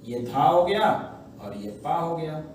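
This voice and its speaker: A man's voice: fairly high pitch, sing-song, measured pace, a little mellow, slight background noise. A man teaching shorthand, explaining step by step in a patient classroom manner and answering his own questions. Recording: echoey room, voice from a distance.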